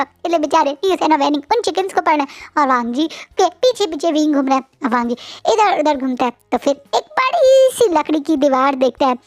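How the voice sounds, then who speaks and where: A woman's voice: extremely high pitch, no echo. A woman retelling a fan story in a chatty, casual way with conversational asides.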